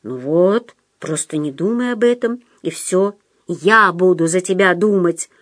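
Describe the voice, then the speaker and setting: Woman playing a manipulative male patient, conspiratorial, insistent, slow, breathy. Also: lowish voice, no room sound, studio quality. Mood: scheming.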